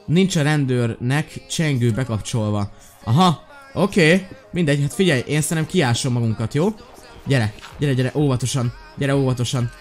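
A young man giving lively, excitable commentary over his own gameplay, his voice leaping into high yelps when he panics. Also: soft background music. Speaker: gaming YouTuber.

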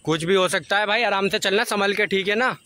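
A young man vlogging a night-time ghost challenge in dark woods, talking nervously to his viewers on a handheld phone. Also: high voice, a little fast, a little hiss or hum. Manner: nervous, hushed, addressing viewers.

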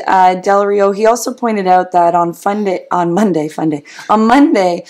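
A woman's voice: lowish voice, darkish tone. A woman in her thirties co-hosting a casual news chat from a living room couch, talking in a chatty, upbeat way. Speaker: co-host.

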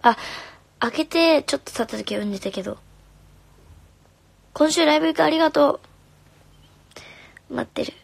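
A young woman, a singer, chatting casually on a live stream, reading comments in a soft, friendly way and sometimes whispering. Her voice is slightly hoarse. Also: sits high, animated, moderate pace, long pauses, no echo. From Japan. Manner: soft and friendly, drops to whispers now and then. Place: home room. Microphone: phone.

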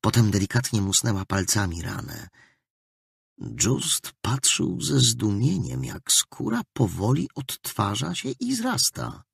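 Slow, gravelly male audiobook narrator. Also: fairly low pitch, no room sound, clean studio sound. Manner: expressive storytelling with a wide melody. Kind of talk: scripted narration.

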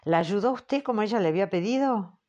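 A woman reading the part of a formal man questioning a witness, slow and patient. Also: medium pitch, animated, a little mellow, lo-fi sound, lightly acted. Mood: probing. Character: measured male examiner, formal and patient. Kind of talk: audiobook character reading.

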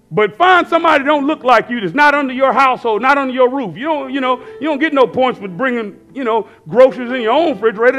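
High-voiced man preaching, loud swings. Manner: conversational preaching, rising to shouts, asks the crowd to fill in words. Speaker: pastor. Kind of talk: sermon. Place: church stage with screens and worship band behind.

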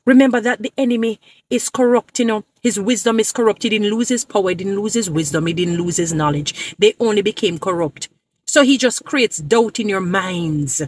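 A woman's voice: fairly high pitch, a little hiss or hum. Emphatic woman lecturing from her car. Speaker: social media creator. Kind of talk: direct-to-camera preaching commentary. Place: parked car. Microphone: phone camera at arm's length.

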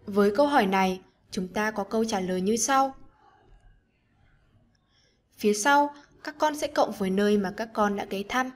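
A woman teacher narrates an online lesson for children, speaking to the pupils gently and encouragingly. Her voice is mid-range, she talks at normal speed, and she pauses often.

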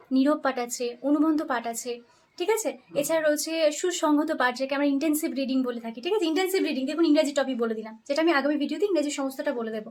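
A young woman teaching a lesson for interview preparation, explaining points briskly and often checking in with her listeners. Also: high voice.

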